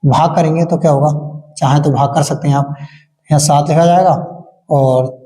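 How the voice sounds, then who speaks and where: With a dark, steady tone on the high side and a moderate pace, a man teaches maths by working board-exam problems step by step. Asking questions of the class, he answers them himself and chants times tables, with long hall reverb around him.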